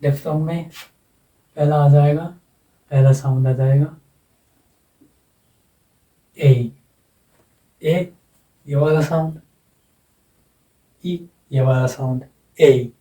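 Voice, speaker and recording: A man giving a phonetics lesson, slowly repeating sounds and words while he explains. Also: fairly high pitch, steady tone, warm tone, recorded from a distance, rough recording. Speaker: teacher.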